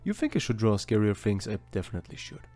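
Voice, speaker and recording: Drawing as he talks, this young Austrian vlogger, whose first language is German, chats in a loose, self-deprecating ramble. His low, mellow, soft voice moves fast in a sing-song way over faint background music.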